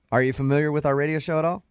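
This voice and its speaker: A man's voice: on the high side, clear, resonant tone, dry recording. A male morning radio host on a studio microphone, teasing a caller with wry remarks. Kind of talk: morning radio show banter.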